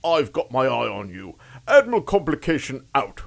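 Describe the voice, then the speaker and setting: A man's voice: mid-range voice, sing-song, normal speed, gravelly, heavy background noise. A man voicing a pompous, blustering male space admiral in a radio comedy sketch.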